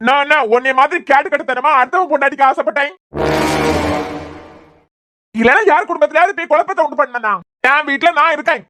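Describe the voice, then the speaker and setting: Angry young cartoon student, threatening and quick-tempered, Kanyakumari Tamil accent, voiced by a woman. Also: high-pitched, no room sound. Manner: threatening, shouting insults. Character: hot-headed 21-year-old male college student. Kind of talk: cartoon web series voice acting.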